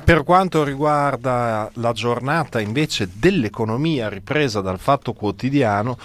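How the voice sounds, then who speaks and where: A man's voice: medium pitch, no room sound. Man reviewing headlines, dry close sound. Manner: wry, ironic asides while reading headlines. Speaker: radio press review host. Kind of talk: radio press review commentary. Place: radio studio.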